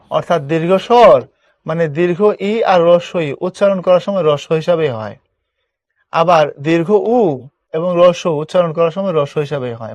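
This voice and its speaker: A man's voice: high-pitched, a little mellow, dry recording. A young man teaching an online spelling class, casual and coaxing, often checking whether students understand. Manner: colloquial, coaxing, keeps asking students if it is clear.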